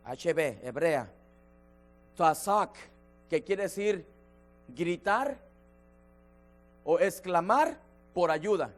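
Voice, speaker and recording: A man leading a church Bible study, emphatic, slowing down to stress key words and addressing listeners by name. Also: fairly high pitch, animated, faint music behind. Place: church sanctuary.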